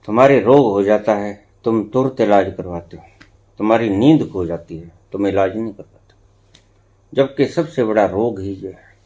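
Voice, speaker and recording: Speaking at a moderate pace in a lowish voice, a male spiritual teacher gives a discourse to followers. He moves back and forth between hushed and emphatic tones, repeating phrases for effect.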